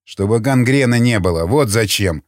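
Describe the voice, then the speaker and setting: A man voicing a calm, commanding seasoned scavenger who speaks tersely and bluntly. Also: on the low side, moderate pace, no room sound, clean studio sound, close to an everyday voice. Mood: stern. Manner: terse, blunt, matter-of-fact.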